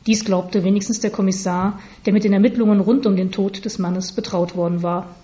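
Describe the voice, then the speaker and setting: A woman narrating an absurd story in a deadpan reading style. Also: mid-range voice, fairly quick. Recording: slightly dull recording.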